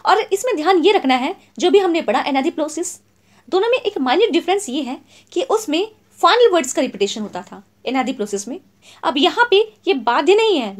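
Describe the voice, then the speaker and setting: A woman teaches literary terms for an exam in a high voice that swings widely in pitch. She reads each English definition slowly and clearly, then goes over it again in Hindi. She keeps checking in with the class as she goes.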